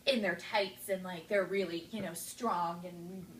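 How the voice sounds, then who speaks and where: A woman's voice: on the low side, a little slow. A young woman telling a funny story in casual chat, laughing and acting out what people said. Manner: animated, laughing, acts out quotes. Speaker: storyteller guest. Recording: echoey room with audience noise.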